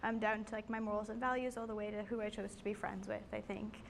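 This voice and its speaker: A nineteen-year-old woman from the United States giving relaxed, chatty interview answers, full of fillers. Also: mid-range voice, fast, creaky. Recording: faint background noise.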